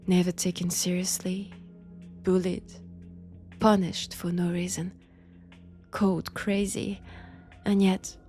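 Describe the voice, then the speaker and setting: A woman with a somewhat low, gravelly voice and a French accent plays a mad, possessive young vampire in a roleplay audio. Her delivery is slow, hushed and intimate, often slipping into whispers, and her mood is brooding and possessive.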